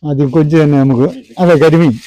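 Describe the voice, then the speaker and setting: A man's voice: a little high, fairly even intonation, quick pace, dark tone, no room sound, rough recording. A man casually talking through his work as a fish seller and vlog host. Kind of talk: casual vlog commentary while handling live fish. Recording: clear background noise with clicks.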